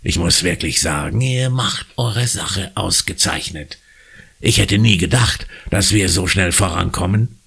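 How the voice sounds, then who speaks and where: A man doing a low, husky voice for a calm drama teacher, measured and genial. He speaks slowly, with a lively rise and fall. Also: exaggerated voice. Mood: praising.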